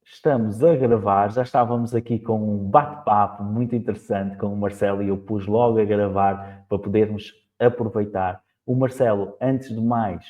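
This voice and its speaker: A man with a European Portuguese accent hosts a casual interview, his voice pitched fairly low. He talks quickly and keeps restarting his sentences. The sound is thin and tinny, like a phone line. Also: steady tone, faint music behind. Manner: fast, halting speech with many restarts. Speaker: podcast host.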